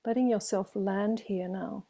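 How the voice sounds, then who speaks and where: A female meditation teacher guides a meditation in a gentle, soothing manner, leaving long pauses between phrases. Her voice is medium in pitch and steady in tone.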